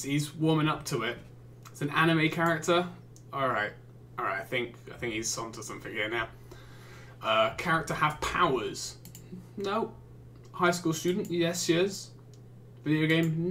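English man, YouTuber, gaming commentary, dry sarcastic asides, somewhat high voice. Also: fairly bright tone, slight background noise. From England. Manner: reads questions aloud and answers with wry, exasperated jokes. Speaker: YouTuber and streamer.

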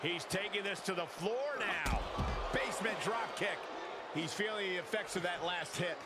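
An actor as a keen man calling wrestling moves for a video game. His voice is high-pitched. Loud arena noise fills the space behind the commentary. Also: moderate pace, natural voice. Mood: absorbed. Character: keen male wrestling match caller. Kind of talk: play-by-play sports commentary.

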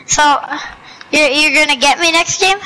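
A woman's voice: high-pitched, moderate pace, pushed and bright, a little hiss or hum, low-quality recording. A woman streaming an online shooter, teasing and trash-talking another player over a headset mic. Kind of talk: casual gaming chat.

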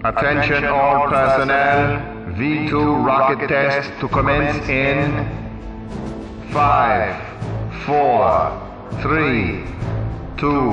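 A stern base loudspeaker announcer. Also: male voice, on the high side. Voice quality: clipped, formal announcing. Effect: factory loudspeaker. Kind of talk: game voice acting. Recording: muffled loudspeaker sound over loud music.

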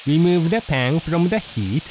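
A man voicing a poodle dog who hosts a cooking show, narrating a recipe in slow, deliberate steps. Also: fairly high pitch, sing-song, background noise. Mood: patient. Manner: slow, deliberate step-by-step instructions.

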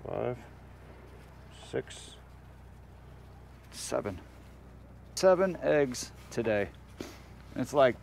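Vocal fry runs through this man's medium-pitched voice, and there's slight background noise. Filming on a handheld camera in his backyard chicken run, the homestead vlogger chats informally in folksy slang with viewers and animals alike.

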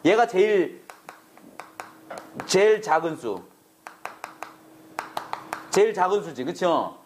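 A man's voice: high voice, big pitch swings, slow pace, slight background noise. A man teaching math to a classroom, brash and teasing, swearing at students in a casual way. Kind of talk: classroom lecture.

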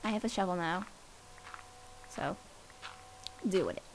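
A young woman chatting casually through a co-op video game, playful and excitable, with silly exclamations. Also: fairly low pitch, a little slow, noisy background. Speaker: Let's Play gamer. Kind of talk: casual co-op gaming chat.

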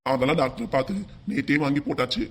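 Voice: mid-range voice, steady tone, fast talker, close to an everyday voice. An actor playing a teasing old father-in-law. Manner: mocking, bossy. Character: older male father-in-law, teasing and stubborn.

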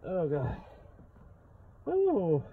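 A man's voice: sits high, huge pitch swings, extremely slow, narrow, tinny audio. A man filming himself outdoors at night, gasping and coughing through strained exclamations after being sprayed. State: coughing, gagging from skunk spray. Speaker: vlogger. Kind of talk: panicked live commentary while filming. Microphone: phone camera swinging about. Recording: noisy outdoor phone recording.

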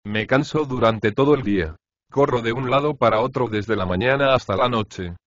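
A man plays a poor, overworked cook who complains and pleads. The voice is a little lower and slower than his narration. The recording is close, dry and a bit muffled. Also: dry recording, natural voice. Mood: complaining. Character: poor, overworked, self-pitying female cook. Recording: dry, slightly dull audiobook recording.

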